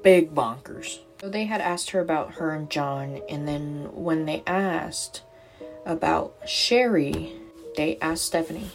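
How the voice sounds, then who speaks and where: A woman's voice: low voice, slow pace, gravelly, faint music behind. A woman hosting a true crime podcast, telling the story in a casual way with sarcastic asides.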